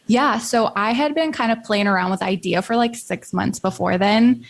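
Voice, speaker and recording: Young woman, relaxed interview guest. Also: medium pitch, moderate pace, creaky. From Norway. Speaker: guest, website designer. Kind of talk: casual interview.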